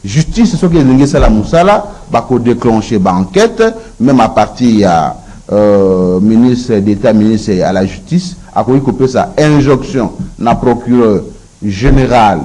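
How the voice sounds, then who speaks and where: A man's voice: medium pitch, expressive, normal speed, warm tone, poor audio. A Congolese man giving his views as a guest on a political talk show, mixing Lingala and French, emphatic and repetitive when he lists his points. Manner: switches between Lingala and French. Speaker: guest commentator.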